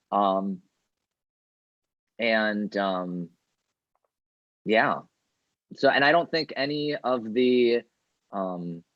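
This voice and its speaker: A man's voice: mid-range voice, no echo. Man running a tabletop game, dull audio. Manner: halting, many fillers and restarts. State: coughing fits. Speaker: game master.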